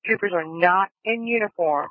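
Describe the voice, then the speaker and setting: A man's voice: sits high, normal speed, dry recording. A male police dispatcher on a police radio channel, relaying calls in clipped phrases and repeating key details. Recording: tinny dry radio transmission.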